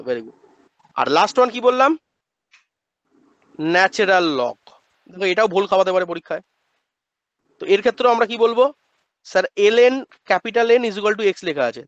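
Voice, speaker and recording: High-voiced man teaching math, dull dry sound. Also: fairly bright tone, dry recording. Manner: asks and answers his own questions in students' voice; drills pronunciation slowly, then speeds up. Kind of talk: classroom lecture.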